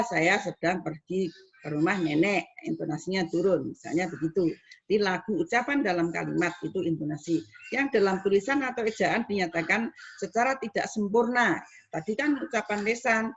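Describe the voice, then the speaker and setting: A woman university lecturer teaching students, explaining step by step and acting out spoken examples. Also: lowish voice. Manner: explains slowly with spoken examples, rising on questions. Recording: dull lo-fi recording with faint noise.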